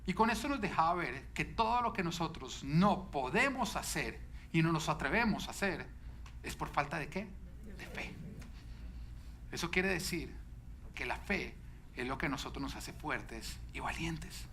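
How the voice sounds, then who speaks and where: A man preaching a sermon as pastor, telling stories with lively shifts into quoted voices. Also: moderate pace, slight background noise. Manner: animated storytelling, quoting a child in a high shouting voice.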